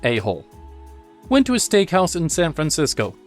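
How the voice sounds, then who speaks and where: A man reading online stories aloud as a scripted narration, in a steady, even storytelling manner. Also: fairly high pitch, normal speed, faint music behind.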